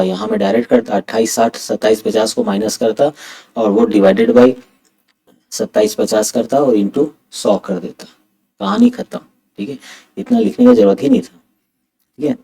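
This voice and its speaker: Male math teacher, exam-prep lecture, deliberately quiet delivery, lively up-and-down pitch. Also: vocal fry, poor audio. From India. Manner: speaks softly on purpose, mixing Hindi and English. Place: room at home late at night.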